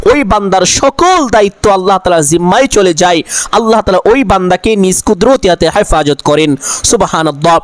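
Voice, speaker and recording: A man giving scripted religious instruction in an earnest, measured way, chanting the prayer phrases slowly and drawn-out. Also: sits high, no echo. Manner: measured, earnest preaching delivery. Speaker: religious teacher.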